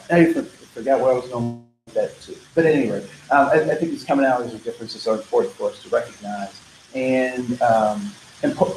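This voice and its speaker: In an echoey training room with faint background noise, a man from the United States runs a diversity workshop in a casual, digressive lecture style. Speaking at medium pitch, he keeps checking in with "right?" and often says "um".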